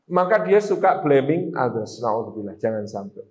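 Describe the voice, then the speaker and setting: A male Islamic preacher gives a parenting lecture in a mosque, talking in a lively way, acting out quotes and asking the audience questions. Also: mid-range voice, moderate pace, lo-fi sound. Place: large mosque hall. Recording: echoey mosque hall.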